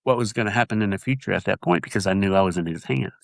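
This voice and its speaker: Recorded in studio quality with no echo, a man with a fairly low, creaky, nasal voice tells his testimony in an informal interview. He's sincere but halting, frequently starting his sentences over.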